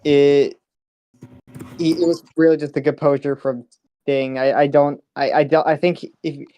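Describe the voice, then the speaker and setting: A man analyzing a card game match, hesitant, with many pauses and fillers. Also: fairly high pitch, flat delivery, mellow, lo-fi sound.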